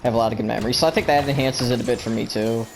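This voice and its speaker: A man hosting a relaxed group chat, his voice carrying a gravelly fry. He keeps the talk moving with an upbeat manner. A faint hiss sits underneath. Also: medium pitch, rapid-fire, rough recording. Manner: upbeat, leads the discussion. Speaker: podcast host.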